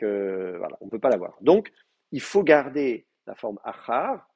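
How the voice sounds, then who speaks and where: A man lectures a live class, working through grammar points patiently with frequent pauses and fillers. His voice is husky and slightly breathy. The recording is dull and lo-fi. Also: medium pitch, a little mellow. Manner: hesitant, many fillers, explains step by step. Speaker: Hebrew teacher.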